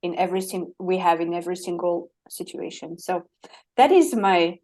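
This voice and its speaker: A woman with a French accent talks as a guest coach in a slightly low voice. She is earnest and animated. She laughs easily between her points. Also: normal speed. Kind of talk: interview conversation.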